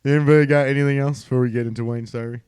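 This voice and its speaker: A man co-hosting a casual podcast, excitable and jokey, laughing often. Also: medium pitch, very fast, clear, resonant tone, no echo, clean studio sound. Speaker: podcast co-host. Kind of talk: casual banter.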